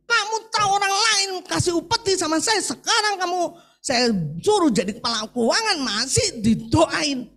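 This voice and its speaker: A man voicing his former boss, a scornful, corrupt official, in a sneering, strained, high voice. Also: animated, moderate pace, bright, forceful tone, exaggerated voice. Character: corrupt, scornful male boss, middle-aged.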